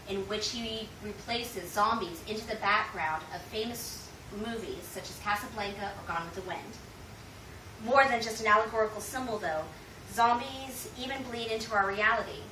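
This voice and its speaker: Speaking from a distance into an echoey indoor room, an American woman with a medium-pitched voice delivers a prepared informative speech to an audience. Her presentation is formal and rhetorical, and the recording carries loud background noise.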